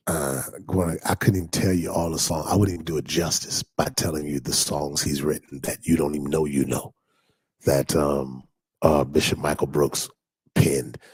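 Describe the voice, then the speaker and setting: A pastor from Detroit preaches in a low, husky voice with a Detroit accent. His tone is dark and mellow, and his words sound dry and close. When he is stirred, his voice climbs into high, excited calls. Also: normal speed, dry recording. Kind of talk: conversational sermon. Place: church in Detroit.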